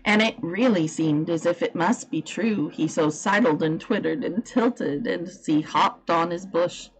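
A woman reading a classic novel aloud as host of her channel, in an expressive, unhurried storytelling manner. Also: on the low side, breathy edge, poor audio.

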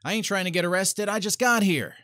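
A man's voice: sits high, pushed and bright, no echo. A man in his thirties or forties giving a hammy, theatrical dramatic reading, recorded close on a studio microphone in a small home studio. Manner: theatrical, with big swings and drawn-out phrases. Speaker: voice-over performer. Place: small home studio with foam-treated walls.

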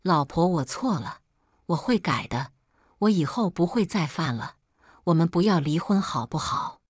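A woman's voice: on the low side, lively intonation, moderate pace, no room sound, clean studio sound. A woman voicing a remorseful young husband who begs urgently not to divorce. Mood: pleading. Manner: urgent, pleading.

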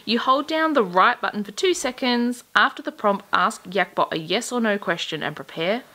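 A woman hosts a laid-back toy review, giggling easily between explanations. Her voice is bright and sharp. She walks through the instructions one step at a time. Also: mid-range voice, expressive, moderate pace. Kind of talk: casual unboxing chat.

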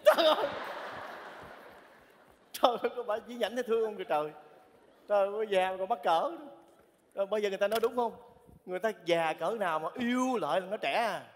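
High-voiced man, teasing. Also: very fast, in a large hall, slight background noise. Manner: teasing, exclaiming. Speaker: comic stage actor. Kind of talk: live stage comedy sketch.

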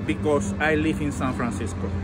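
A middle-aged man from Cuba with a Cuban accent and Spanish as first language, speaking halting, repetitive English in a street interview. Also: fairly high pitch, steady tone. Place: outdoors on a city street. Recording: music and traffic behind street voice.

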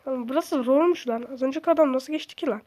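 High-pitched excitable young woman gamer. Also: fast talker. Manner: excitable, swears and shrieks at the game. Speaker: gaming streamer. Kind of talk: casual game commentary.

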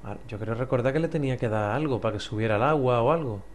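A young man from Spain with a Spanish accent, playing a puzzle game and thinking out loud. His voice sits at an ordinary middle pitch, and he mutters, curses freely and snaps into loud frustrated shouts. A faint hiss of noise sits under the recording. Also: racing. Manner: swears a lot, mutters to himself, bursts into frustrated yells. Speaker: gameplay commentator. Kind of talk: let's play commentary.

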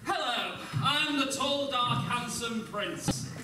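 A man's voice: extremely high pitch, slow. A man playing a vain, foppish young prince in an amateur stage pantomime. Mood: boastful. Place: theatre stage, far camera. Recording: distant, echoey, very noisy stage recording.

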